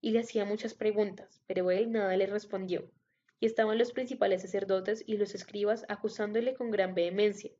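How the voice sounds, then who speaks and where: Woman scripture reader, warm, even delivery, muffled lo-fi recording. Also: medium pitch. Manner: steady, measured reading. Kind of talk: Bible reading. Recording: dull lo-fi recording.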